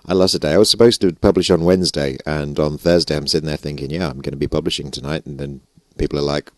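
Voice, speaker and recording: A British gaming YouTuber rambles through casual let's-play commentary, chuckling and mocking himself. Having lost his voice, he sounds hoarse and gravelly, very deep and steady in tone, and he talks quickly. He's close on a stage vocal mic with no echo.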